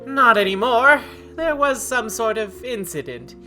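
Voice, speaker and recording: A woman's voice: a little high, animated, a little slow, pushed and bright. A woman voicing a stern, bossy old aunt cat with a brusque, scolding manner, in an amateur cartoon dub. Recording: guitar music behind.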